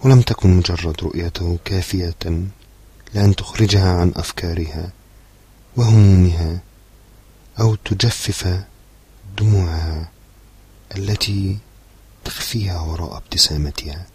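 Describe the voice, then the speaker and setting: A man narrating a literary novel as an audiobook in a measured, steady storytelling manner. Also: deep voice, slightly rough.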